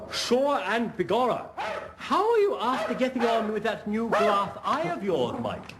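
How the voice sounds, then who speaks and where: An actor playing a timid young English gentleman stiffly reciting lines in an amateur sketch. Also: high-pitched, sing-song, takes it slowly, pauses often, a loud crowd, full character voice. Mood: awkward.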